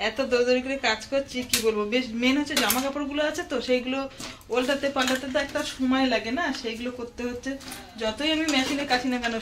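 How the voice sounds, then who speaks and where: Woman chatting fast to her viewers while doing chores, phone mic, lots of background noise at home. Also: fairly high pitch. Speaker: home vlogger. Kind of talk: casual running commentary to viewers. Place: at home, moving indoors and out. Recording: noisy household ambience.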